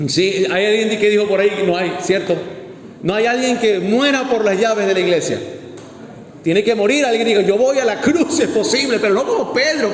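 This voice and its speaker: A man preaching a sermon to his church, lively and acting out the voices he quotes. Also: high voice. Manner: animated, acts out quoted voices, talks to the congregation. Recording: echoey hall, faint ambience.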